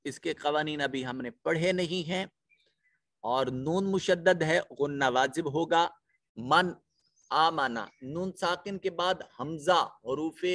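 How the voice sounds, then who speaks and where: A Pakistani-accented man teaches a Quran lesson, and his voice sits fairly high for a man. He works through the verses at a very unhurried pace and explains each pronunciation rule step by step. The recording is close and dry, with no room sound. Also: a bit bright, no room sound. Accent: Pakistani Urdu. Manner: slow, drawn-out chanted recitation; methodical explaining of pronunciation rules. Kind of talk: Quran recitation and tajweed lesson.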